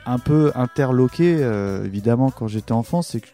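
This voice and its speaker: A man in easy, chatty conversation with a co-host, teasing and quick to laugh. His voice sits at a middling pitch with a dark, mellow tone. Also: animated, soft background music. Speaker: podcast co-host. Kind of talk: casual chat about records. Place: recorded together in person.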